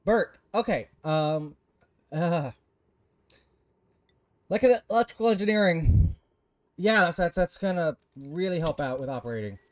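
This gaming streamer is a man whose fairly high voice is animated yet a little slow, broken by long pauses. He narrates his play casually, muttering to himself, berating his characters in frantic exasperation, and occasionally cursing.

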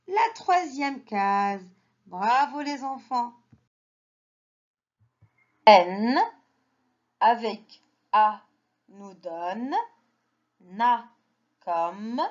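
A woman teacher speaking very slowly in a somewhat high voice, sounding out each word and repeating it for young children. The recording is dull and lo-fi. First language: Arabic. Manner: slow, syllable-by-syllable modelling with repeated words. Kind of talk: early reading lesson for children.

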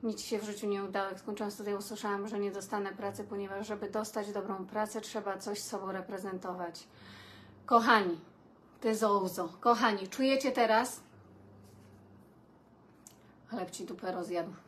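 A woman's voice: mid-range voice, steady tone, a little fast, few pauses. A woman hosts a casual live stream and talks straight to her viewers. She reads their comments aloud and reacts to them in a chatty way. A faint background noise sits under her voice. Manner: chatty, addresses viewers warmly as "kochani", reacts with laughter and sighs.

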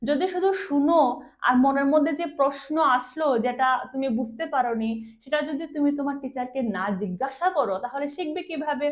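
A woman with a Bengali accent teaching a basic English lesson, drawing out words syllable by syllable and often checking that her pupils follow. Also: sits high. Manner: drawn-out, syllable-by-syllable word demonstrations; asks pupils frequent check questions. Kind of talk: classroom lesson.

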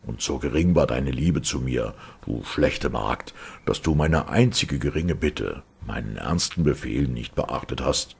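Storybook villain knight voiced by a male reader, deep and gravelly, barking threats. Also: animated, unhurried, few pauses, full character voice. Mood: menacing. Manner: threatening, commanding. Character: cruel furious knight, grown man.

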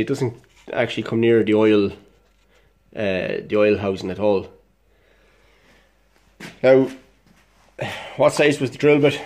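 A man's voice: on the low side, darkish tone. A congested man in an indoor workshop, casually explaining a DIY fix at his workbench in a blunt, plain-spoken way with the odd swear. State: congested, dosed up with illness. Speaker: DIY vlogger.

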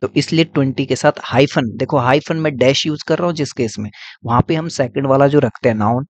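A man's voice: medium pitch, fairly quick, no room sound, highs cut off. A man teaching English grammar, explaining patiently, repeating points and checking in often with his students. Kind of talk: classroom-style grammar lesson.

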